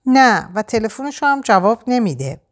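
An anxious young woman, read by a female narrator pressing urgently for answers. Her voice rides high and moves a lot. Heard as part of an audiobook. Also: sing-song.

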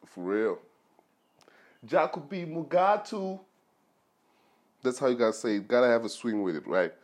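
Man, low voice, solo podcast host, casual rambling monologue, joking, slangy. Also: fast talker, a little mellow.

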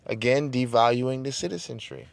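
Hosting a casual political podcast, a middle-aged man speaks at normal speed in a smooth, mid-range voice. He speaks directly to listeners, looking for call-and-response, and his delivery swells into an emphatic, preacher-like rhythm.

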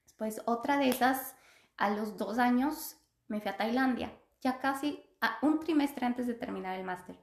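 Young woman, podcast guest, casual storytelling, gravelly, roomy echo. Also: fairly high pitch, normal speed. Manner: chatty, animated, laughs often. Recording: echoey room.

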